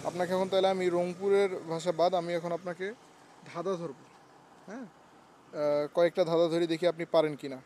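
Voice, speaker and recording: A man from Rangpur with a Rangpur Bengali accent, running a quick, teasing casual street interview outdoors. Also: fairly high pitch, fairly even intonation, mellow, slight background noise. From Rangpur, Bangladesh. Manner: quick, teasing, laughs often.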